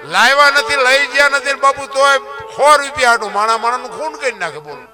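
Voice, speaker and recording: A man's voice: very high voice, brisk. A man, telling folk stories in a moralizing talk, preachy, full of rhetorical questions and lines he half-sings. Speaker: folk storyteller and writer. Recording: clear guitar music under the voice. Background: guitar music playing.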